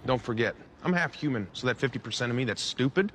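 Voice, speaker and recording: A man's voice: mid-range voice, lively intonation, quick pace, lightly acted. A man playing a cocky, boastful space adventurer who jokes constantly. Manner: boastful, joking. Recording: film clip with loud battle noise.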